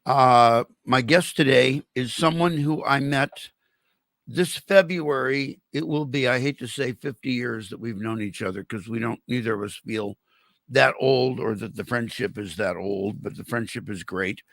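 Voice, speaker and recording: Older male host, bright voice, mouth swollen. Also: mid-range voice, moderate pace, dry recording. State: impeded speech from a swollen, infected mouth. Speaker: interview show host. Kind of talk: casual chat.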